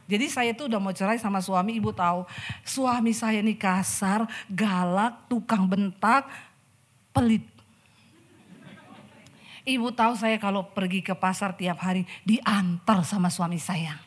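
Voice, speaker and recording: A woman pastor with an Indonesian accent preaching a lively sermon to a church congregation, acting out the people in her stories with chatty asides. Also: mid-range voice, unhurried, pauses often. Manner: animated, acts out quoted people, chatty asides. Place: church service in front of a congregation.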